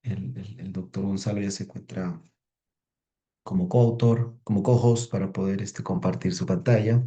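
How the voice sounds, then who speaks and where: A man hosting a technical webinar over a video call, introducing the speaker in a halting way with many repeated words. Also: low-pitched, steady tone, mellow. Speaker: webinar host.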